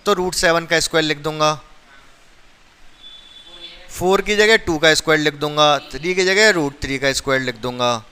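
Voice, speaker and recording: Bright-voiced man teaching maths. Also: sits high, clean tone. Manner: asks students repeated questions and answers them himself. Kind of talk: classroom maths lesson. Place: classroom.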